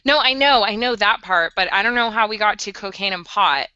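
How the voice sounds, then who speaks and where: A woman's voice: medium pitch, fairly quick, pushed and bright, clear, resonant tone, no echo, dull audio. A young woman co-hosting a podcast in casual chat, giggly and a bit tipsy as she tells stories. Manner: tipsy, giggly, chatty while drinking beer. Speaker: podcast co-host.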